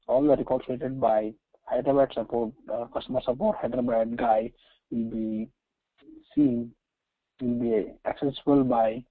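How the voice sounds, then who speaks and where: Indian-accented male software trainer, creaky voice, roomy sound. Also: mid-range voice. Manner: halting, repetitive, frequently checking with "right" and "okay". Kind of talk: screen-share software tutorial, explaining step by step. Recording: roomy echo, slightly dull lo-fi sound.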